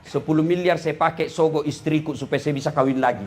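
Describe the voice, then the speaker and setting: A man from Indonesia, an Islamic preacher giving a humorous sermon, teasing and addressing the congregation directly in an animated way. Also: fairly high pitch, fast talker.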